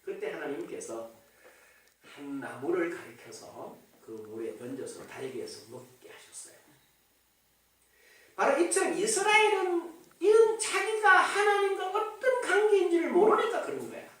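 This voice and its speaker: Man preaching with lively swooping intonation. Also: very high voice, unhurried. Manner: animated preaching with rhetorical questions to the congregation. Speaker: pastor. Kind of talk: sermon. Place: church sanctuary. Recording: echoey hall, voice from a distance.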